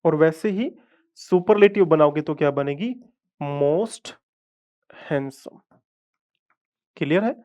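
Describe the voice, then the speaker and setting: Man teaching a live grammar class. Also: high voice. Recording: dull lo-fi audio.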